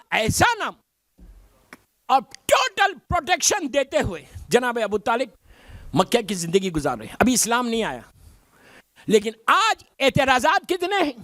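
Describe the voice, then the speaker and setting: Middle-aged man, cleric, very high voice, dry close sound, emphatic majlis sermon, rhetorical questions. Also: a bit bright, no room sound.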